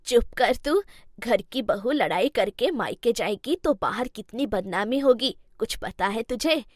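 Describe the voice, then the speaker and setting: A woman voicing a stern but caring old mother-in-law in a cartoon story, talking slowly as she scolds and soothes. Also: fairly high pitch, animated, no echo, clean studio sound. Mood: stern, gentle. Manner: slow, scolding, then soothing.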